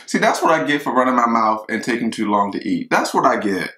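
A man's voice: mid-range voice, very animated, fast, bright, forceful tone, echoey room, poor audio. A man, rambling casually to viewers while eating in his kitchen. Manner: chatty, rambling, talks to viewers as y'all. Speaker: mukbang vlogger. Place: kitchen at home.

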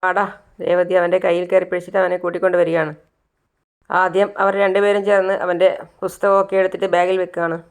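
A woman recounting a serial episode scene by scene, in an even, unfussy storytelling manner. Her voice sits slightly low for a woman. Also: fast talker, clear, resonant tone. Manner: plain, step-by-step narration.

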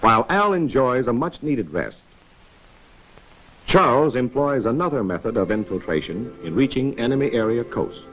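Over the dull soundtrack and music of a 1940s instructional film, an American man narrates at a moderate pace in a medium-pitched, sing-song voice, wryly and rhetorically scolding the characters directly.

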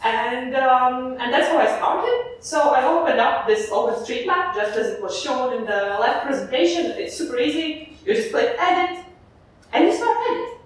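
A woman's voice: sits high, moderate pace, distant mic, a little hiss or hum. Young Latvian woman in echoey lecture hall. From eastern Latvia. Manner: chatty, frequent "uh" fillers, animated. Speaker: conference speaker. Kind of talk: conference talk. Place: large lecture hall with audience. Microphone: far camera in the audience.

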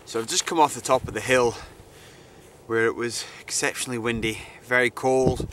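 A man's voice: mid-range voice, fairly even intonation, normal speed, fairly bright tone. A young man with a cold, a landscape photographer enthusiastically talking through his plans to camera on a windy hilltop. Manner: enthusiastic, thinking aloud. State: has a cold. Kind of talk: outdoor vlog narration. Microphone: camera mic, hand-held close and far camera. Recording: wind noise on outdoor mic.

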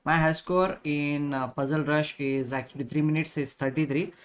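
A man in his thirties with an Indian accent, chatting casually as a chess instructor on a live stream, halting and repeating his phrases. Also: on the high side, fairly even intonation, clean tone.

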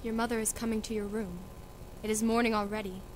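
A woman's voice: medium pitch, little pitch movement, fast talker, noisy background, natural voice. A woman playing a practical household nurse who gives blunt, matter-of-fact advice. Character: pragmatic old nurse, blunt adviser. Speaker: student actor in a school reading.

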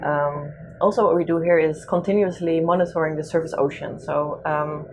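Brief: female scientist, very low voice, brisk tour, distant mic, clear machine hum in a small lab. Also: steady tone, a little mellow. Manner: brisk tour-guide delivery. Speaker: research scientist. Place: small ship laboratory indoors.

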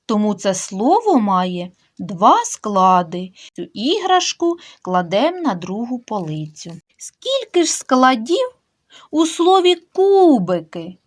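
A young woman teaching a kindergarten literacy lesson, addressing small children and splitting words into syllables with slow emphasis. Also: a little high, wildly swooping pitch. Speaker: preschool teacher.

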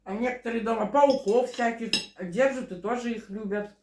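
A woman's voice: a little high, normal speed, noisy background. A middle-aged woman chatting casually over a meal at home. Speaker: mukbang vlogger. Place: small living room at home, indoors. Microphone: camera across the table. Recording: roomy home room, clinking cutlery and dishes. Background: cutlery and dishes.

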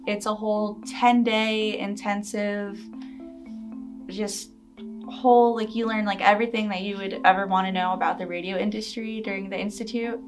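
A woman's voice: mid-range voice, little pitch movement, normal speed. A young woman student answering interview questions earnestly and casually in a studio. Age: young adult. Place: studio in front of blue backdrop. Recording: distant mic with music underneath.

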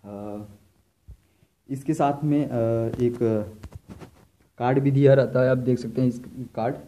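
A little slow and warm, the man's mid-range voice comes through a low-quality recording. Working indoors as an electrician with equipment filmed on the floor, he gives an informal, step-by-step hands-on product demonstration and repeats himself often.

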